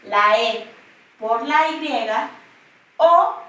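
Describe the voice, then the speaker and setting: Slow high-voiced woman teaching spelling. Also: animated, a bit bright, muffled recording. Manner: slow, deliberate dictation-like delivery. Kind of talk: slow scripted lesson narration. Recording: echoey, from far off the mic.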